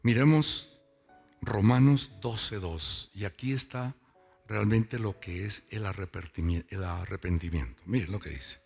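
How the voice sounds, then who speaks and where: Low gravelly pastor preaching. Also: male voice, a little slow, a little mellow, faint music behind. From Boyacá, Colombia. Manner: conversational, asks the congregation questions. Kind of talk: sermon. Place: church service with congregation.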